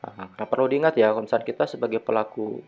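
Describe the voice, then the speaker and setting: A man's voice: lowish voice, racing, muffled recording. A male university lecturer giving a recorded online lecture in a conversational way, full of fillers and rhetorical questions.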